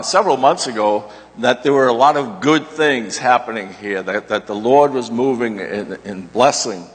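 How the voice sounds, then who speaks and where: A man in his sixties, a returning guest preacher, chatting with many fillers and then reading scripture in an unhurried sermon. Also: medium pitch, a bit bright, breathy edge. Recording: long church reverb.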